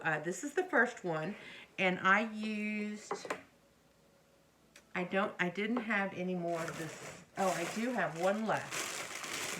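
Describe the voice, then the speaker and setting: A woman's voice: lowish voice, a bit bright, low-quality recording. A middle-aged woman casually showing her things to camera as a vlogger, speaking hesitantly and often trailing off or correcting herself. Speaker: crochet vlogger. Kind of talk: casual rambling show-and-tell to camera. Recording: faint background noise, occasional chair creaks.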